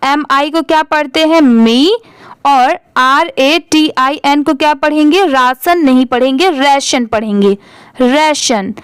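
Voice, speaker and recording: Young woman, patient reading teacher, drawls words, asks then answers herself, slow pace. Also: high voice, no echo. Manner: spells words letter by letter, then drawls them out slowly. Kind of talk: slow spelled-out reading lesson.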